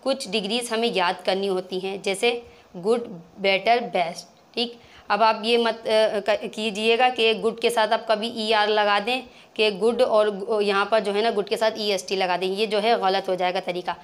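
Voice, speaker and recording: Woman, grammar teacher, patient, repeats terms, halting restarts. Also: medium pitch, steady tone. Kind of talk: explaining grammar with examples.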